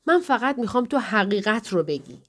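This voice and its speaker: Audiobook: a woman reads a frightened young woman, terse and tense, mid pitch. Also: very animated. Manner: tense, demanding. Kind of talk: audiobook dialogue reading.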